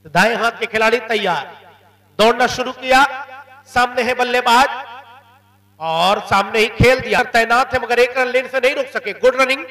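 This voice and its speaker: A man giving excited live cricket commentary, breaking into shouts on big hits. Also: very high voice, moderate pace, echoey room, recorded from a distance, low-quality recording. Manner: excited, rising shouts on boundaries.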